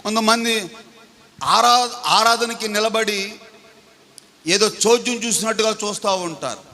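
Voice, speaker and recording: High-voiced preaching man in a reverberant hall. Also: measured pace, sharp tone. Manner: preaching with call-and-response questions to the congregation. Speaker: pastor. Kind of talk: sermon. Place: large church hall.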